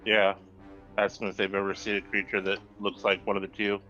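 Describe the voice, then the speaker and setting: A man playing a tabletop game, talking in a lively, joking way. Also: fairly low pitch, a little fast, lo-fi sound, faint music behind. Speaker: player.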